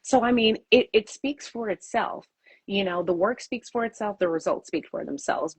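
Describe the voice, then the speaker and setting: A woman's voice: fairly low pitch, breathy edge, no room sound. A woman publicist answering interview questions, emphatic and repeating her key points.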